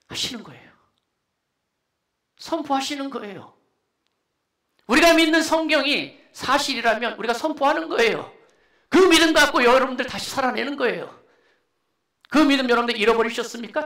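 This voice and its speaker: Bright, high-voiced man preaching. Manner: emphatic, exhorting, drops into quiet asides. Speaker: pastor. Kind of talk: sermon. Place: church sanctuary. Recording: echoey church hall.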